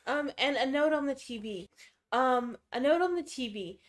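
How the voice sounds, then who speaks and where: A woman's voice: high-pitched, animated, normal speed. A woman co-hosting casual game commentary, correcting and explaining tips in detail. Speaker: co-host giving game tips.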